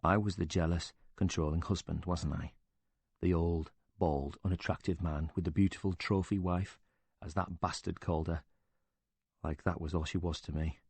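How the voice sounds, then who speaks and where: A bitter older widower with a short temper, indignant and sarcastic, cursing as he defends himself, read by a man. The voice is low and husky, and it sounds close and dry, with no room around it. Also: steady tone, moderate pace, a little mellow, no echo.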